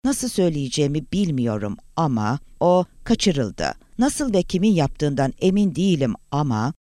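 A man voicing a worried middle-aged male professor who talks in a halting, cracked, urgent way. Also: on the high side, sing-song, mellow, dry recording, studio quality.

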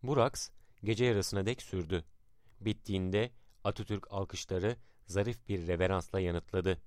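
A man narrating a historical account in a measured, dramatic reading style. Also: sits low, steady tone, a little mellow, dry recording, clean studio sound.

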